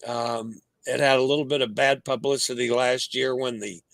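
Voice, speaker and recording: A man with a mid-pitched, noticeably creaky voice chats casually as a travel guest. The recording is very dry. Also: steady tone, moderate pace, a bit bright, no echo. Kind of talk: casual chat.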